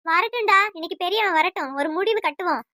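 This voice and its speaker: A woman voicing a scolding, sharp-tongued old mother-in-law in a family cartoon, nagging and quarrelsome. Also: very high-pitched, quick pace, no room sound, clean studio sound. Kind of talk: cartoon voice acting.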